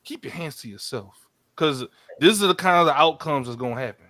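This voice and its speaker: A man's voice: a little high, expressive, a little fast, a bit bright. A man co-hosting a live-stream podcast in a laid-back way, greeting the chat and talking casually with frequent fillers. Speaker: podcast co-host reading out chat.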